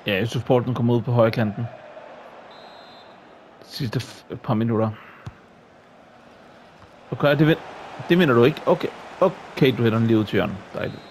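A man giving excitable, exclamation-filled commentary while he plays a football video game. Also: medium pitch, pauses often, slight background noise. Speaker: gaming YouTuber.

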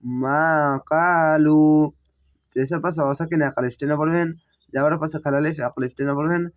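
A man teaching Quran reading, spelling each word syllable by syllable and then reciting it slowly and drawn out. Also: a little high, steady tone. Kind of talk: step-by-step recitation lesson.

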